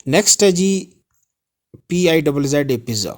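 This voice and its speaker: A man teaching English pronunciation in a spoken lesson, spelling out letters and repeating each word slowly. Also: on the high side, expressive, darkish tone.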